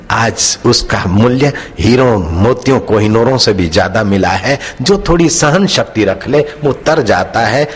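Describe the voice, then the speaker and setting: A man preaching a devotional sermon, telling stories and acting out the people in them, stretching some phrases slowly for emphasis. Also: medium pitch, gravelly. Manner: acts out quoted characters in his stories; drops into slow, drawn-out phrases for emphasis. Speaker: spiritual preacher.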